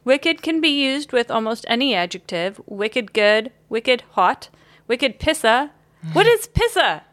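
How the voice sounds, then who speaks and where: A woman from the Chicago area co-hosting a casual podcast chat, animated and exclaiming, swearing now and then. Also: on the high side, unhurried. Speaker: podcast co-host.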